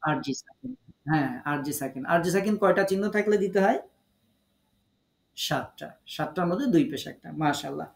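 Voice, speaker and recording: A man's voice: fairly high pitch, lively intonation, moderate pace, gravelly, roomy sound, rough recording. A man with a Bangladeshi Bengali accent teaching an online recitation class, patiently quizzing and correcting students over a video call. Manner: patient, encouraging, correcting pronunciation.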